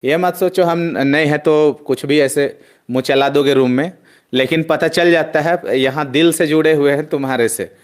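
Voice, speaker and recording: A man teaching an online chemistry class. He drills students loudly in call-and-response and chides them as he goes. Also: on the high side, moderate pace.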